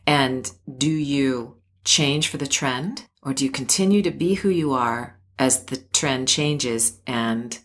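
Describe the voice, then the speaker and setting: A woman hosting an interview, asking thoughtful, measured questions. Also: very deep voice. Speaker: podcast host. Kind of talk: interview chat.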